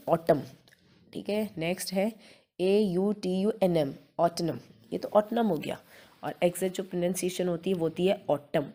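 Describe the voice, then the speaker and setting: A patient woman teacher with a Hindi accent, taking young children through a spelling lesson. She spells each word slowly, letter by letter, in a slightly low voice, and keeps checking that the class follows along. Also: darkish tone. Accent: Hindi-accented English. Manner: addresses pupils fondly as beta, often checks with "theek hai na". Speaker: school teacher.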